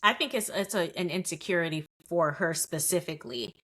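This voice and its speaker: Opinionated woman podcast co-host, low voice. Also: brisk, a bit bright. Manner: opinionated, rhetorical questions. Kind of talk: casual recap chat.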